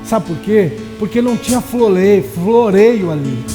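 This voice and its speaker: A male pastor preaching a sermon with passion, swinging between loud declarations and soft, low asides. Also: lively intonation, a little slow, long reverb tail, over music. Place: church.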